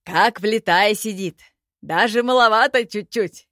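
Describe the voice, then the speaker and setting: A loud, eager young goblin from a fantasy storybook, played by a woman. He blurts out his excitement at full volume. The recording is close and dry. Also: medium pitch, slow pace, dry recording. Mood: excited.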